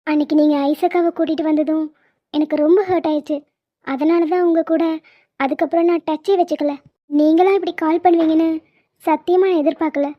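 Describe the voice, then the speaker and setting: A woman voicing a polite, coy young woman on the phone with her old flame in an animated comedy. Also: extremely high pitch, a little fast, dry recording. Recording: dull lo-fi sound.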